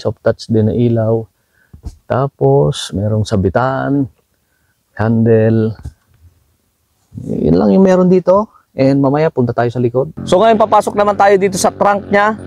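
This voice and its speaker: A man's voice: mid-range voice, gravelly, dry recording, low-quality recording. A man, casually touring his car's interior and pointing out each feature. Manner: relaxed, repetitive pointing-out with frequent fillers. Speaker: car owner reviewing his vehicle. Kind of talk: casual walkaround tour narration. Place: inside a car.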